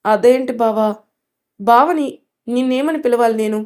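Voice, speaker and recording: A woman's voice: fairly high pitch, fairly even intonation, brisk, dark tone, lightly acted. A woman playing a mischievous teenage girl. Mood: playful. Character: playful teenage girl cousin, teasing.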